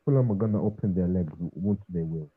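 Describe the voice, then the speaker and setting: Give me a man on a muffled call line that sounds like he is talking through a tube, with a deep, husky voice, chatting casually and confidently. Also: a little fast, dry recording. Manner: short confident predictions, repeats himself. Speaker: call-in guest on a football chat. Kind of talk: casual chat.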